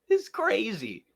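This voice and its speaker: Here a man with a high, gravelly voice and a sharp tone hosts a livestream, riffing on politics in a casual, indignant, sarcastic way and imitating people in mocking put-on voices.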